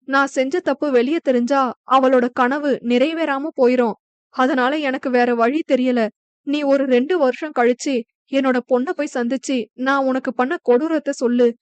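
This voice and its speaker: A woman narrator voicing a guilt-ridden middle-aged woman doctor who speaks in a hurried, pleading way. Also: sits high, dry recording, close to an everyday voice.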